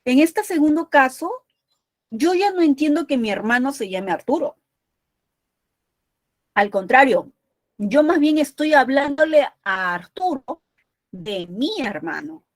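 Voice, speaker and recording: A woman's voice: sits high, lively intonation, unhurried, pauses often, no echo. A woman teaching a university entrance exam prep class, explaining patiently and often checking in with short tag questions.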